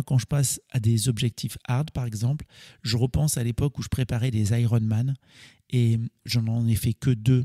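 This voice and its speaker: A man's voice: mid-range voice, warm tone, dry recording, clean studio sound. A man hosting a solo coaching podcast, explaining in a casual, chatty way and correcting himself with small laughs. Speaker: podcast host.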